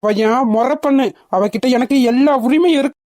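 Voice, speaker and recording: A woman's voice: high voice, fairly quick, dark tone, no echo, natural voice. A woman voicing an arrogant young male village rogue in a cartoon, bullying and threatening, recorded dry and close. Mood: taunting. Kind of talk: cartoon voice acting.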